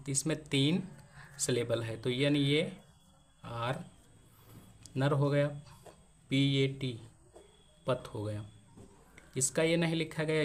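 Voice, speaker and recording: A man teaching a spelling lesson, walking through each step as he writes it out. His voice sits at an ordinary middle pitch. A faint hiss of background noise runs under the recording. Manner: slow, explaining step by step while writing on a board. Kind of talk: spoken lesson on spelling Hindi names in English.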